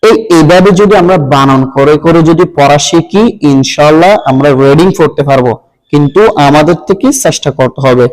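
A man teaching Quran reading, patiently spelling out each syllable and blending them in a slow, repetitive drill. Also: a little high. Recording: long hall reverb.

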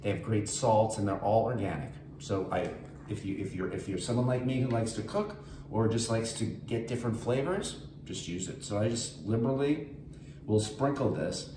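His voice is lowish and his speed normal as this older New Yorker cooks at home, casually walking through every step. The host rambles in a chatty way with health-minded tangents, recorded in an echoey kitchen with background noise.

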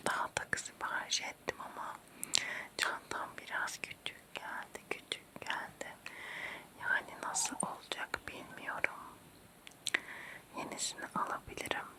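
An ASMR host in a whispered role-play, speaking quietly as if at night, softly reassuring and coaxing a listener to sleep with repeated words. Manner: hushed, quiet night-time bedtime whisper, slow and repetitive.

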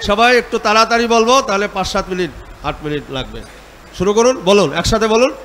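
A man with a high, ringing voice guides a group through devotional chanting. He instructs plainly and exhorts the listeners to join in. A faint hiss sits under his voice. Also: lively intonation, fast talker, bright, forceful tone. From Bengal.

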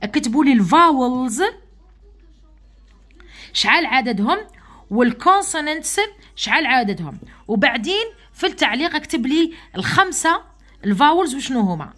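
Her voice sits high with big pitch swings and a slightly bright tone as this woman, who has an Algerian Arabic accent, teaches young pupils English letter sounds online. She is patient, repeats sounds slowly, and frequently makes sure the children follow.

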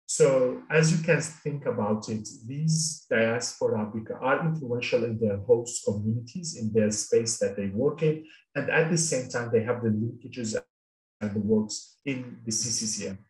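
Over a video call, a middle-aged Syrian man who works as a cluster coordinator gives a webinar presentation as a panel speaker. His medium-pitched voice is slightly slow and somewhat mellow, full of restarts and fillers, and the audio sounds distant and roomy.

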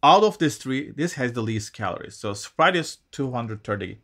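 Relaxed man reading soda labels aloud. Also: mid-range voice, moderate pace. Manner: relaxed, reads labels aloud, dry jokes. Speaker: co-host. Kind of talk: casual live-stream chat.

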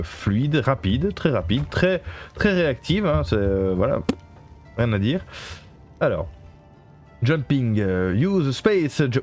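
A man with a French accent chats through a live game stream at a middle pitch, stopping often to read the on-screen text and translate it for his viewers. He talks in halting bursts full of fillers and restarts, with faint music playing behind him. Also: darkish tone. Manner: halting, many fillers and self-corrections, reads game text aloud and translates it; chats with viewers and thanks them. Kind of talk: casual live game commentary.

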